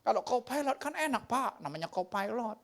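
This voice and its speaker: Anxious male copilot, put on by a preacher: high, whiny, pleading. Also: sing-song, a little fast, fairly bright tone, exaggerated voice. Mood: worried.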